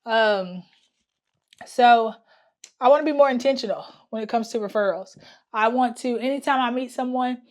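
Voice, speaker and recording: A woman's voice: fairly high pitch, normal speed, a little mellow. A woman vlogging casually as she plans her travel business marketing, thinking aloud with lots of fillers and restarts. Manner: hums to herself while working at the wall. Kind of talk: casual talking-to-camera planning vlog.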